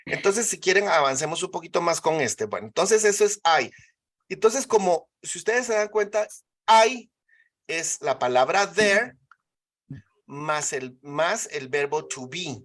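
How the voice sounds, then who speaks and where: A teacher walks students through grammar, speaking with English examples. The voice sits at a medium pitch, and the delivery is patient, repetitive and full of comprehension checks. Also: lively intonation, unhurried, fairly bright tone. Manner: patient, repeats and checks understanding. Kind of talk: live online English class.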